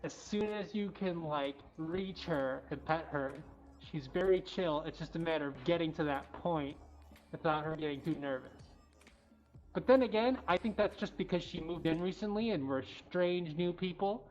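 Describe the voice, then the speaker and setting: This cat cafe livestream host has a deep, slightly mellow voice and a moderate pace. Inside the cafe, she chats informally and speaks lovingly to the animals. The audio is dull, as livestreams often are, with music behind.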